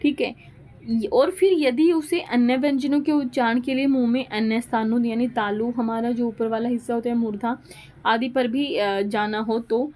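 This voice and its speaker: A woman's voice: fairly high pitch, fairly even intonation, moderate pace, darkish tone. Woman teaching Hindi grammar, step by step. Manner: explains step by step, repeats examples aloud. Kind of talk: classroom lecture.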